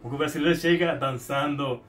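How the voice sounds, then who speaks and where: A man's voice: fairly high pitch, brisk, a little hiss or hum. A young man from Venezuela with a Venezuelan Spanish accent, a Spanish native speaker, talking casually to camera in a small room at home, hesitant with many restarts and repeated words. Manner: animated hand gestures. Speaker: YouTuber.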